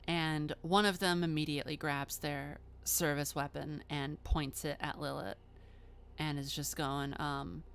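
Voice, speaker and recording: A woman narrating as game master of a tabletop role-playing game, slow and hesitant with many fillers. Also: low voice, little pitch movement, creaky, a little hiss or hum.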